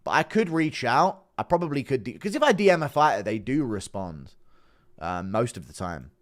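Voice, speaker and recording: A man with a mid-range voice and big swings in pitch hosts a relaxed livestream at a moderate pace. He banters bluntly with his audience, swearing as he goes and often giggling.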